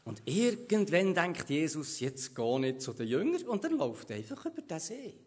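A man with a Swiss accent preaching a sermon, swinging from loud to hushed and putting questions to the congregation. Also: fairly high pitch, big pitch swings, moderate pace, slightly rough.

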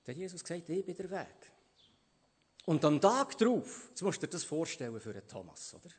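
A man preaching a sermon, swinging between loud emphasis and hushed quiet. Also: on the high side, big pitch swings, fast, breathy edge, in a large hall.

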